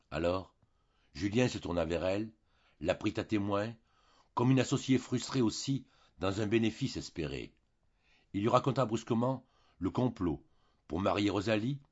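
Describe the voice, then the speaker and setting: A man reading a classic novel aloud as an audiobook narrator, with an expressive, varied delivery, in a slightly dull recording. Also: fairly low pitch. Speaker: audiobook reader.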